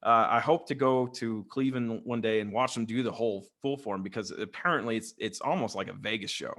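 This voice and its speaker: A man's voice: on the low side, a little fast, a bit bright. A man, a Freemason guest in a casual interview, rambling and jokey as he tells stories into a desk microphone over a video call. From West Texas.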